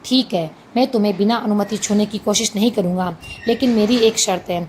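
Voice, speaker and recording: A greedy male merchant, full of himself and used to giving orders, as a woman reading a storybook tale puts him on. The voice stays close to an everyday middle pitch. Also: a little fast, darkish tone, a little hiss or hum, natural voice. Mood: boastful. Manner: boastful, commanding.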